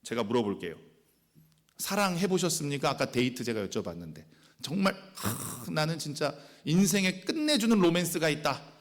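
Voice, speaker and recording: Male pastor, sermon, lively swooping pitch, high-ish voice, echoing church hall, questions to the congregation. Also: normal speed. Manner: animated, swings from loud exclamations to hushed whispers; asks the congregation questions and mimics quoted people. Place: church sanctuary.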